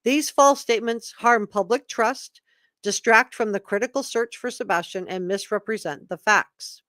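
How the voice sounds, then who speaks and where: A woman's voice: fairly high pitch, moderate pace, fairly bright tone, no echo, clean studio sound. A woman hosting a live commentary stream, reading statements aloud emphatically with opinionated, informal asides. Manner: emphatic, repeats key words for effect; opinionated, informal asides between read passages. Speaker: livestream host commentator.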